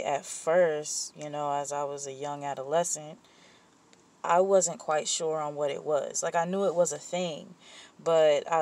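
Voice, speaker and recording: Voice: medium pitch, darkish tone. A vlogger talking candidly in a personal vent session, rambling with fillers and restarts, and turning blunt and profane when heated. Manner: candid and rambling, with frequent fillers and self-corrections.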